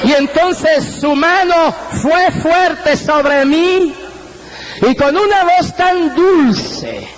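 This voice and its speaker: A man from Puerto Rico preaches with a very high voice and a slow, drawn-out delivery. He tells his testimony fervently and breaks into exclamations of praise. A faint hiss of ambience sits under the convention recording. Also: a faint crowd, low-quality recording. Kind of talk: sermon testimony. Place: convention hall.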